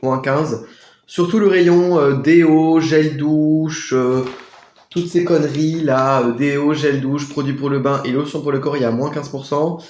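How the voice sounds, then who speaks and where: A man chatting casually through a product haul review, hesitating often and sounding out foreign labels slowly. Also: fairly high pitch, fairly even intonation, darkish tone. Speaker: vlogger reviewing a shopping haul. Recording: echoey room.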